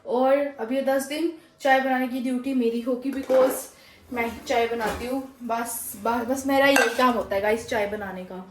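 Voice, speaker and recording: A woman's voice: a little high, fairly even intonation, moderate pace, roomy sound, a little hiss or hum, rough recording. Chatty young woman vlogging at home. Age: young adult. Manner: chatty, mixes Hindi and English, addresses viewers as guys. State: sore throat, clears throat. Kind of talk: casual vlog narration to camera. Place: family home, kitchen and rooftop.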